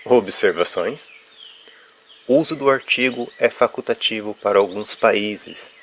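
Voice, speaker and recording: A man with a fairly low voice explains grammar at an unhurried, deliberate pace. He pauses on "ah" as he walks through examples and checks in with "ok?". Faint birdsong and insects sit in the background. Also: fairly bright tone, slight background noise. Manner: uses filler "ah" while explaining. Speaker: Spanish teacher.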